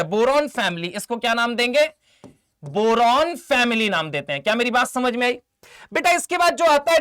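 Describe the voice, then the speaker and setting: High-voiced teacher chanting memory tricks. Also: male voice, fairly bright tone. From India. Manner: quizzes students with repeated questions and chants memory tricks slowly; affectionate, calls students 'beta' and 'mere laal'. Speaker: chemistry teacher. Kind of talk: online exam-prep lecture.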